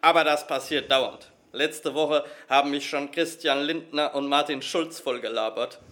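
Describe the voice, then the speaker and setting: An actor playing a blunt, talkative bakery worker answering a phone in a comedy sketch. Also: male voice, on the high side, steady tone, normal speed, fairly bright tone, natural voice. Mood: grumbling. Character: chatty, put-upon male wafer bakery worker.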